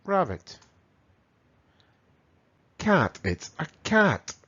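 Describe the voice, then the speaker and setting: A man with a Spanish accent from Spain teaching English vocabulary to children, repeating words slowly and mimicking animal sounds. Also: on the high side, huge pitch swings, sharp tone, husky, highs cut off. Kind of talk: bilingual vocabulary lesson.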